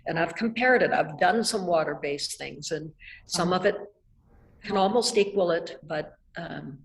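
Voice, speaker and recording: An older woman from Nebraska in the United States, an artist guest, gives thoughtful conversational answers over a video call from inside an art gallery. She speaks in a reflective, measured way with soft laughs, her voice on the low side. The webcam recording is low quality.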